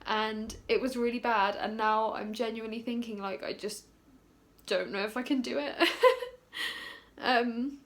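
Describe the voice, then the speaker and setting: A woman's voice: fairly high pitch, fairly even intonation, a little slow, long pauses. A young woman in her twenties chatting casually in a vlog, tired and out of breath, laughing often between fillers. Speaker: vlogger.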